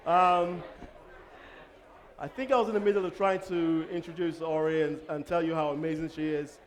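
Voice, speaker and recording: A man from Lagos moderating an event informally, halting and rephrasing as he goes. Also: on the high side, fairly even intonation. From Lagos, Nigeria. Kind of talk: informal onstage hosting.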